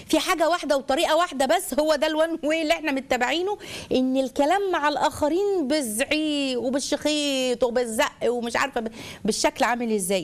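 A middle-aged woman with an Egyptian accent hosting a call-in advice show, talking directly and coaching callers, often acting out little scenes. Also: sits high. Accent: Egyptian Arabic. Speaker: host giving family advice to callers.

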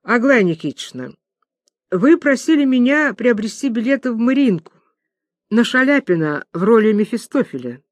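A woman voicing a confident male factory owner and lover, brisk and self-assured in manner. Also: very high voice, very animated, no room sound, pitched above the performer's own voice. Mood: matter-of-fact.

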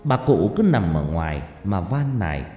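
A man narrating a horror story in a dramatic way, swinging between tense and hushed delivery. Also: low-pitched, very animated, normal speed. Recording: heavy reverb, faint music behind.

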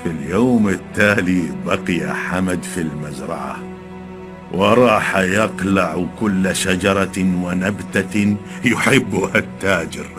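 A man narrating a folk tale in a calm, measured storytelling voice. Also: low voice. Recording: background music.

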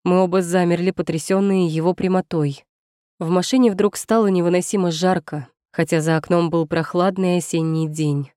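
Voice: mid-range voice, fairly even intonation, moderate pace, dark tone, no echo. Dry, brooding audiobook narrator. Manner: tense, brooding, dramatic. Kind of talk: first-person romance novel narration.

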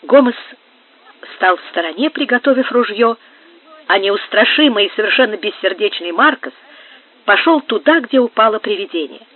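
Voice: mid-range voice, expressive, moderate pace. An audiobook reader steadily narrating a novel. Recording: tinny phone-like sound.

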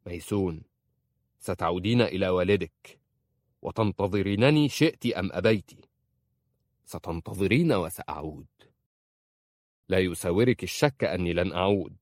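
A man reading aloud as a young husband, speaking low, hushed and earnest. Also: expressive, normal speed, pauses often, no room sound, studio quality. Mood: firm. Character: young husband, tender but resolute.

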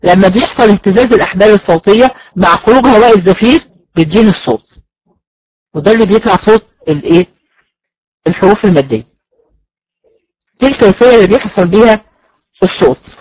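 A man's voice: high-pitched, lively intonation, quick pace, long pauses, no room sound, poor audio. A man with an Egyptian accent giving a recorded lecture on Quran recitation. He explains step by step, asks and answers his own questions, and sounds out letters as examples.

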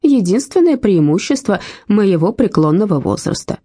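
A woman voicing a blunt, sharp-tongued woman of eighty-six in a read-aloud story, with a husky, dark voice. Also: mid-range voice, big pitch swings, moderate pace, no echo, studio quality, voice pushed up. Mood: cutting. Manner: blunt, cutting. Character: rude sharp-tongued 86-year-old woman.

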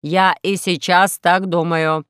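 A woman voicing a gentle robot wardrobe that talks in a slow, plaintive, ponderous way. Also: fairly low pitch, flat delivery, smooth, no room sound, studio quality.

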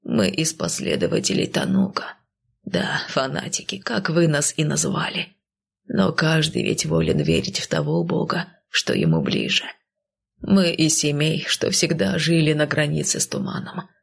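A woman voicing a timid, guilt-ridden undead male coachman who mumbles and pleads in a hushed voice. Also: fairly high pitch, huge pitch swings, moderate pace, creaky, breathy edge, heavily acted. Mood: reluctant.

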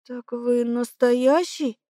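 A woman voicing a feverish young woman who sounds hoarse and indignant in an audiobook. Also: high voice, animated, moderate pace, no room sound, clean studio sound, pitched above the performer's own voice. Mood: mocking. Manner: indignant, rising outbursts.

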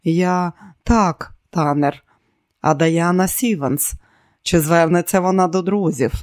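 A man voicing a slow, dull-witted, submissive older brother who mumbles listlessly. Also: fairly high pitch.

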